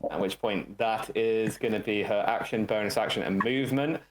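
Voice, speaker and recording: A man narrating as game master of a tabletop game, brisk and matter-of-fact. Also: lowish voice, slight background noise.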